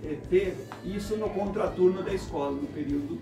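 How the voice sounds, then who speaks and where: A man recounts a community's beginnings in a documentary interview, his voice gravelly and a little raised in pitch. He sits away from the microphone in a roomy space, with music playing underneath. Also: moderate pace. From moved to São Paulo in 1987. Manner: explanatory, chuckles while telling. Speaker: interviewee recalling community history. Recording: roomy, distant mic with music bed.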